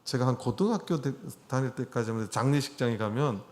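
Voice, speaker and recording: A man's voice: mid-range voice, animated, fast talker, a little mellow. A middle-aged man preaching a sermon in a church, chatting with his congregation and putting questions to them. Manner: conversational, asks the congregation questions. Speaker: pastor. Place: church hall.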